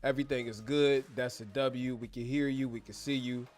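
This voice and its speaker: Wearing a wireless clip-on mic, an American livestream host born in Germany talks straight to his chat during a laid-back Q&A from his bedroom studio, full of slang and jokes. He speaks at normal speed in a steady, mid-range voice. Soft music plays in the background.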